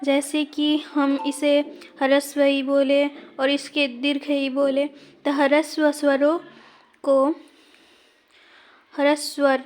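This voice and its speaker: Woman teacher, exam-prep grammar lesson; slow, deliberate, points at examples as she goes. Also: high voice, monotone.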